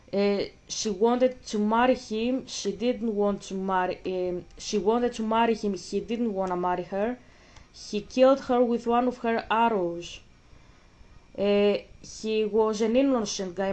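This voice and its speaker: A woman's voice: mid-range voice, a little mellow. A woman from Greece, talking casually on her own channel and thinking aloud, with frequent restarts and fillers. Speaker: vlogger. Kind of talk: casual chat.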